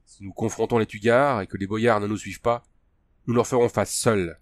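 A man plays a grave, principled colonel in a novel audiobook. The voice sits low and speaks in a firm, earnest way. The recording is close and completely dry. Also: fairly even intonation, normal speed, dry recording, lightly acted. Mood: calm. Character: stern principled male Union colonel.

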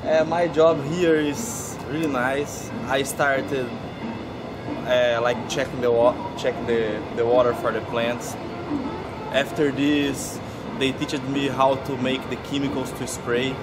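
A man's voice: mid-range voice, little pitch movement, slow. A young man from Brazil, a new greenhouse intern, speaking in simple, careful phrases. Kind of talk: casual to-camera testimonial. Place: large greenhouse, indoors. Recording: loud ventilation noise behind.

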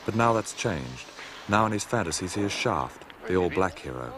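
A man with an Australian accent reading scripted documentary narration in a measured, dry way. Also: deep voice, lively intonation. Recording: noisy old documentary film audio.

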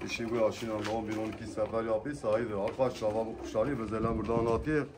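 A man's voice: lowish voice, little pitch movement, very fast. A man casually presenting birds at a live auction, chatting and often echoing what he is told. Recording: noisy, distant mic, cooing pigeons. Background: pigeons cooing, birds, clicks.

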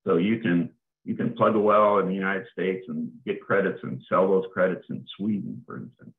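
A man's voice: low voice, normal speed. A man presenting a webinar talk, conversational and repeating words as he goes. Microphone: remote call. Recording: tinny phone-like call audio.

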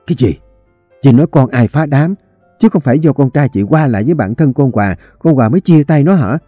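Guy voicing a tough old mother-in-law, snippy and offended, mellow tone. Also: medium pitch, expressive, quick pace, no room sound, faint music behind, pitched above the performer's own voice, natural voice. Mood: indignant. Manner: indignant, sharp retorts. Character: stern older mother-in-law, protective of her son.

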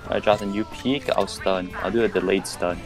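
A man's voice: deep voice, fairly even intonation, brisk, music in the background. A young man chatting casually with his teammates over voice chat in an online shooter. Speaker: player in an online team shooter game. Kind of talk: casual gaming voice chat with friends.

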